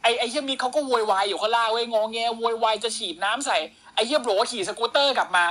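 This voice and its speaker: A woman's voice: fairly high pitch, quick pace, a bit bright. A woman co-hosting a casual wrestling podcast, retelling matches in crude slang and acting out the wrestlers' lines. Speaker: podcast co-host. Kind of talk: casual wrestling recap chat.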